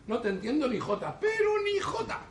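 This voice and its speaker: A skeptical joking friend, lively highish voice, Spain Spanish accent. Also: male voice, brisk, a little hiss or hum. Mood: mocking. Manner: joking, wisecracking. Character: skeptical wisecracking male friend, bewildered. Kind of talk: 1960s TV stage play acting.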